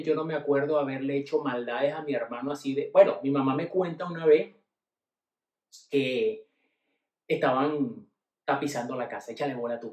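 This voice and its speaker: A middle-aged Venezuelan man casually telling family stories, slangy and animated, dropping to low mutters and rising to loud bursts. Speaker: podcast host. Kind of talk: casual storytelling monologue. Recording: roomy echo.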